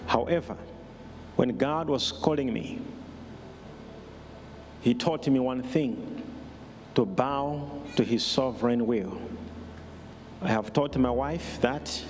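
A man, middle-aged, giving a solemn funeral address as a preacher, with measured phrases and deliberate pauses. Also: medium pitch. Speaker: preacher, bereaved father. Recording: long hall reverb, music behind. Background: music.

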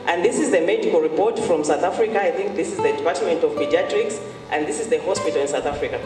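A woman's voice: on the low side, fast. Earnest woman testifying in echoey hall. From Zambia. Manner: earnest, repeats key phrases for emphasis. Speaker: testifying church member. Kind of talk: church testimony. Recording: echoey hall, far from mic, music behind. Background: music.

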